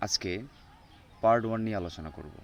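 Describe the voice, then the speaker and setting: A man teaching an English pronunciation lesson, going slowly through the alphabet letter by letter. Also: fairly low pitch, slight background noise. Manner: slow, spells out letters one by one. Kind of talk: spoken language lesson.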